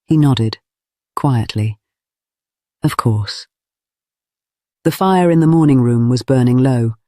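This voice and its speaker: A man reading a Regency romance as a scripted audiobook narration, in a measured, formal storytelling manner. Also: medium pitch, warm tone, no echo, clean studio sound.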